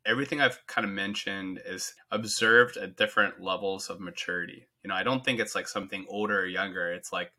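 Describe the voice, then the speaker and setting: A man's voice: sits low, brisk, hardly any pauses, sharp tone. A man answering as a guest on a casual podcast, easygoing and reflective.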